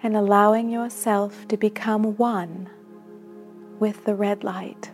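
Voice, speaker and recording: A woman narrating a guided meditation in a soft, soothing manner with long pauses between phrases. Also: mid-range voice, fairly even intonation. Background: background music.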